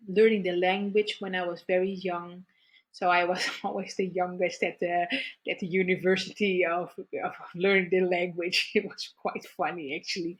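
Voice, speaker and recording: Her pitch is fairly low. She's a middle-aged therapist appearing as a guest, telling her personal story in conversation, pausing haltingly and repeating words as she searches for her thoughts.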